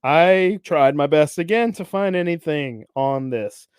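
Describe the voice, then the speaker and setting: Young male podcast host, chatty and animated, voice on the higher side, dry sound. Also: measured pace, clear, resonant tone, no room sound. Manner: animated, acts out characters' lines with jumps in pitch and loudness; laughs often, swears casually. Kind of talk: casual solo podcast recap.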